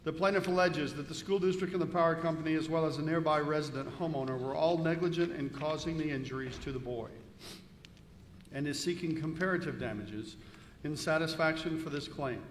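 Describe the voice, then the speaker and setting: A man's voice: fairly high pitch, a little fast. Man, presiding judge, formal scripted delivery, reverberant hall, faint background noise. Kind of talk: formal scripted jury instructions.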